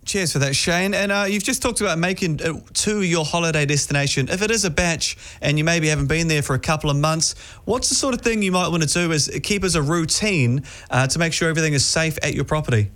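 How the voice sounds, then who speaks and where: A man with a New Zealand accent, hosting a breakfast radio show in a smooth radio host delivery, polished and friendly. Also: a little high, fast talker, hardly any pauses, fairly bright tone.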